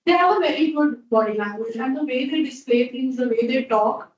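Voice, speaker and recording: A woman's voice: sits high, a little fast, muffled recording. A woman in a focus group, chatting with frequent fillers. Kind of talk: casual discussion. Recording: echoey distant meeting recording.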